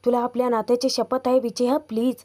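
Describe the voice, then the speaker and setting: A woman's voice: a little high, flat delivery, fast talker, darkish tone, lightly acted. A woman voicing a stern father who reasons urgently with his wife.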